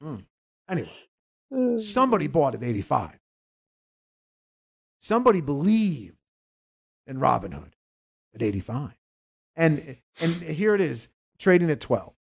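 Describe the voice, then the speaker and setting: A man's voice: on the high side, sing-song, measured pace, gravelly, long pauses, husky. A man hosting a casual investing talk show, rambling and stumbling over his words as he jumps between topics. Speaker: host.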